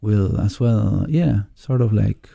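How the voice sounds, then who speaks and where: A musician guest with an Argentine Spanish accent speaks in a gravelly, very dark, low voice during a casual interview conversation. He is thoughtful and halting, reaching for the right words. The sound is close and dry, with no echo.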